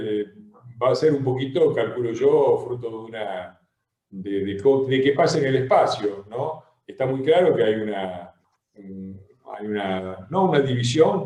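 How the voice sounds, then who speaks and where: A man's voice: mid-range voice, warm tone. A man with an Argentine accent hosting a political talk show, arguing emphatically with frequent hesitations. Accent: Argentine Spanish. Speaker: host and legislator. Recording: roomy echo.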